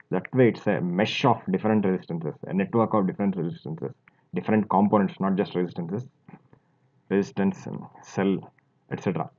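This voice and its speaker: A man teaching a physics lesson, explaining step by step as he draws, with fillers and restarts. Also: on the low side. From India. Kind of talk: classroom lecture while drawing. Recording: tinny phone-like audio.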